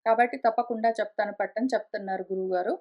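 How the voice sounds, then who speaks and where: A woman teaching a spoken lecture on a scripture commentary, animated and full of repeated rhetorical questions, recorded over a conference call line. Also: mid-range voice, rapid-fire, lo-fi sound.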